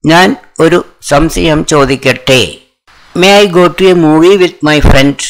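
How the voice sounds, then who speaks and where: Male English tutor, Malayali accent, unhurried sentence-by-sentence drill. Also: a little high, fairly bright tone, low-quality recording. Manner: reads each English sentence slowly, then the translation faster. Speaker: English teacher. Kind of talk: slow sentence drill with translations.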